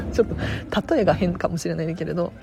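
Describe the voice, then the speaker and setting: A woman who works as a tidying consultant, chatting casually and warmly on her own audio stream, answering listener comments with loose, filler-filled talk. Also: lowish voice, a little fast, vocal fry, music in the background. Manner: friendly and chatty, warmly thanking listeners by name; loose conversational delivery with fillers and self-corrections.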